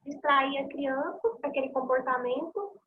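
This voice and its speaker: A woman's voice: high voice, unhurried. A woman student asking her teacher a question on a video call, hesitant and searching for words. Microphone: computer or phone mic on a video call. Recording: thin phone-like call audio with faint hiss.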